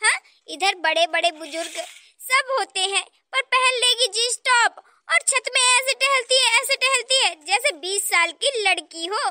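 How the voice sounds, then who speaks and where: A woman's voice: very high voice, bright, forceful tone, no echo, exaggerated voice. A woman voicing a self-pitying village mother-in-law. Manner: self-pitying, complaining, melodramatic. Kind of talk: cartoon voice acting.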